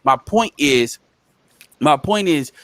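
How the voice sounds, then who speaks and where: A man's voice: fairly high pitch, lively intonation, slow pace, fairly bright tone, dry recording. A man in a heated casual panel debate, rambling and emphatic with lots of profanity.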